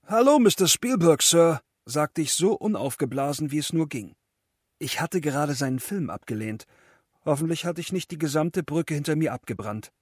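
A man reading an audiobook, telling his story in a lively, self-mocking way on a close studio mic. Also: a little high, moderate pace, breathy edge, dry recording. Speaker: audiobook narrator. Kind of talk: scripted audiobook narration.

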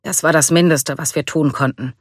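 A reader voicing an eager, friendly young male soldier in a storybook read-aloud, talking quickly. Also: medium pitch, steady tone, no echo, studio quality, natural voice. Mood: kind.

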